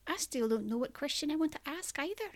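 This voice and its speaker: A curious, playful young woman, voiced by a woman narrator, pitched slightly high. She muses openly and wonders out loud in a storybook telling. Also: lively intonation, fast. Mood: wondering. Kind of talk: audiobook character reading.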